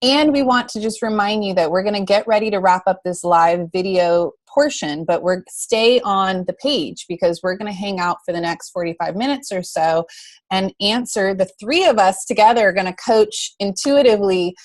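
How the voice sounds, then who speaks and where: A woman's voice: mid-range voice, moderate pace, no echo. A woman co-hosting a live video panel, affirming and encouraging the viewers. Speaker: co-host. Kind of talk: livestream panel talk.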